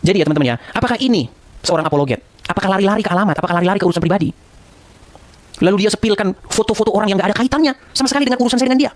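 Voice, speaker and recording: A man delivers a rapid-fire rebuke straight to camera, repeating the name of the person he is scolding. His voice sits high and his pitch keeps climbing as he presses each point. The sound is dry and close, with no room echo.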